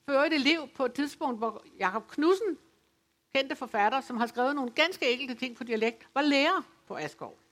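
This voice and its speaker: A woman from West Funen, Denmark, lectures on dialect literature at a folk high school. Her voice sits high with a fairly bright tone, and she explains things in a measured way with occasional hesitations.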